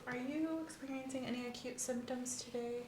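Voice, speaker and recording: A woman plays a courteous, reassuring female doctor doing a checkup in an ASMR medical roleplay. Her natural voice is high and steady, fairly quick, and pitched above her own. Calm and attentive, she asks methodical questions politely and professionally, in a roomy recording with faint background noise.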